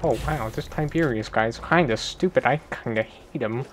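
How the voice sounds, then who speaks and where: A man's voice: medium pitch, normal speed, faint music behind, natural voice. A man voicing a snide, dismissive male viewer who sneers at the streamer. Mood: sneering.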